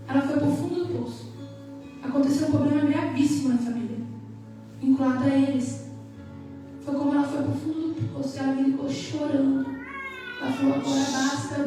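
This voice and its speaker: A Brazilian woman with a Brazilian Portuguese accent, giving an emotional church testimony in a sing-song preaching manner and acting out dialogue. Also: high-pitched. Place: church hall. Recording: echoey hall from far off, music behind.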